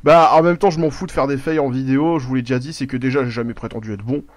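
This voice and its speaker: A man's voice: medium pitch, steady tone, racing, dry recording. A man giving casual live commentary over his gameplay, rambling, swearing a lot and breaking off to react to the game. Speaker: gaming YouTuber.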